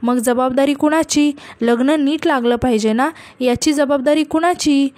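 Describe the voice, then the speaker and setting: A woman reading the lines of an angry, taunting village groom in a serial recap, in a high, dry voice. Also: moderate pace, no room sound, lightly acted. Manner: shouting, taunting. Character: angry hot-headed male village groom. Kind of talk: read-out dialogue in a serial recap.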